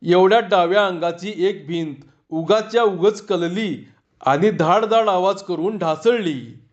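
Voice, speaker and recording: A male storyteller narrates a comic tale with lively expression. His voice sits high for a man. The recording is slightly dull and muffled. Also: unhurried.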